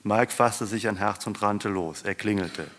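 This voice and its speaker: A man reading a short story aloud with a dry, deadpan delivery. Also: on the low side, measured pace, a little hiss or hum. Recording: long hall reverb.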